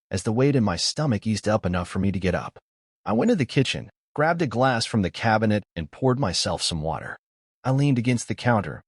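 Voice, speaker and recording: A man reading a scripted horror story aloud as narrator, with a lively, expressive delivery. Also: lowish voice, slightly rough, no room sound, studio quality.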